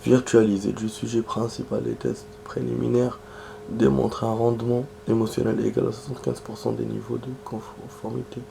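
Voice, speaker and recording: A gaming streamer with a cold reads in-game text aloud and chats casually as he plays, clearing his throat now and then. His delivery is low, flat and gravelly with muttered asides, at normal speed over slight background noise.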